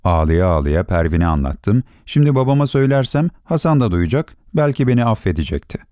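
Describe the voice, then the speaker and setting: Low-voiced male audiobook narrator. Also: big pitch swings, a little fast, mellow, dry recording, studio quality. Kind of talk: scripted narration.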